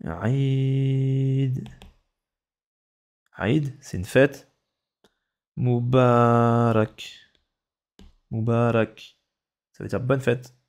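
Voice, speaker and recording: A man's voice: medium pitch, drawn-out words, long pauses, a little mellow. A male Arabic teacher giving a dictation lesson, patiently repeating each word and breaking it into syllables. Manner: patient, instructive.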